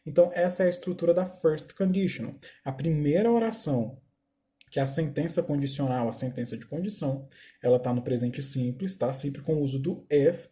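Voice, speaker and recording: Man, Brazilian accent, English teacher, very dark mellow voice, fairly high pitch, patient step-by-step explanations. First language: Portuguese. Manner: explains step by step, slowing down to read English examples aloud; often checks in with "tá?" and "olha só". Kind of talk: recorded grammar lesson.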